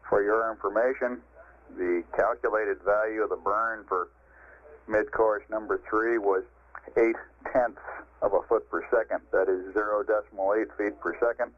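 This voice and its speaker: An American man working as a mission control communicator, speaking in crisp procedural radio-check style over a band-limited vintage space radio link. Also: on the low side, fairly even intonation, normal speed, phone-quality sound.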